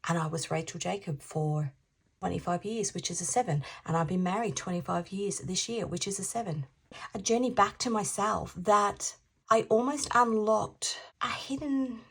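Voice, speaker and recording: Husky-voiced fifty-year-old woman reading tarot. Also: medium pitch. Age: 50s. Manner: reflective, repeats phrases, drifts into soft half-whispers. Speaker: tarot reader. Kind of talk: intuitive tarot reading, musing aloud.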